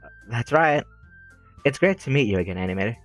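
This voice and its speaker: A man's voice: medium pitch, lively intonation, fast, faint music behind, lightly acted. A man voicing a poised, friendly girl in a visual novel, with a put-on Western US drawl. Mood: sweet.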